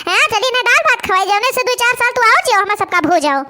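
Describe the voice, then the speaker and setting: A woman voicing a harsh, bossy daughter-in-law in a cartoon, with an Awadhi accent and a sharp, scolding way of talking. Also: very high-pitched, animated, fast talker, exaggerated voice. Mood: taunting. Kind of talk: cartoon voice acting.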